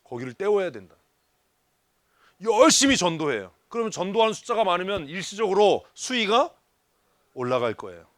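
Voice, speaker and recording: Male pastor, seminar talk, lively teasing delivery with lots of questions, dry sound. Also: sits high, moderate pace, pauses often, dry recording. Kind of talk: church leadership seminar talk. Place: church hall.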